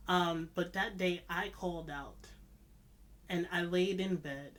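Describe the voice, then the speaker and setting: A vlogger telling a personal story in a reflective, confessional way, with deliberate, halting phrasing and emphatic repetition. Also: mid-range voice, fairly bright tone.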